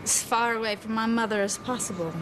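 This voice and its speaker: A woman's voice: fairly high pitch, steady tone, fast talker, natural voice. An actress playing a guarded, dry young college-bound woman in a naturalistic TV film. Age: young adult. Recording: noisy film soundtrack with terminal ambience.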